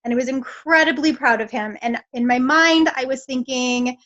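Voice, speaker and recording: Woman with a hoarse, smoky rasp and high pitch, sharing a personal story over dull online audio. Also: normal speed, a bit bright. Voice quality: hoarse, smoke-roughened rasp. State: hoarse from smoke, often clearing her throat. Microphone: online group call. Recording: muffled lo-fi online call audio.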